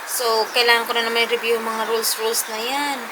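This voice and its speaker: A chatty woman with a Filipino accent and a fairly high voice talks casually over coffee, drifting into animated little stories. Loud steady noise sits behind her, with birds around. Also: fast. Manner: chatty, animated storytelling with laughs and acted quotes. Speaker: vlogger chatting about learning German. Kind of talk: casual chat. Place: outdoors on a balcony with birds around.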